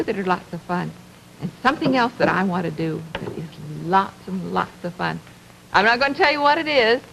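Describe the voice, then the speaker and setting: A woman hosting a children's TV show from the 1950s, talking slowly and coaxingly to young viewers and asking them lots of questions as she demonstrates things. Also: medium pitch, fairly bright tone, poor audio. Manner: slow, coaxing, asks many questions of the viewer. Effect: 1950s TV broadcast sound. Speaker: children's TV host. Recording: old 1950s TV broadcast, faint hiss.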